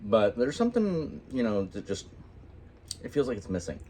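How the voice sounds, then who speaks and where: A man's voice: lowish voice, big pitch swings, normal speed, warm tone, a little hiss or hum. A man co-hosting a vlog, joking and chatting casually over a meal. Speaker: co-host.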